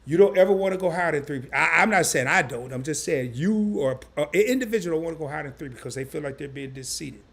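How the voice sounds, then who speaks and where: A man hosting a casual live stream, animated and chatty, reading viewer comments aloud in loose slang. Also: fairly high pitch, fast talker, creaky, hardly any pauses, slightly rough. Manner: animated, chatty, repeats himself.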